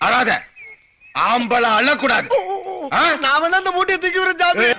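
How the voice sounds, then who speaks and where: A man's voice: extremely high pitch, lively intonation, normal speed, pushed and bright, a little hiss or hum, heavily acted. An actor playing a cheeky comic man in film dialogue, teasing and mocking the people around him.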